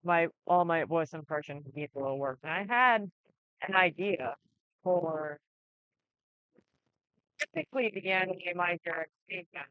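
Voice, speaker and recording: A channel creator rambles through a casual update, stopping and restarting often. The voice is smooth and clear. It sits close in a dry, slightly dull lo-fi recording. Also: mid-range voice, dry recording. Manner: halting, rambling, many restarts.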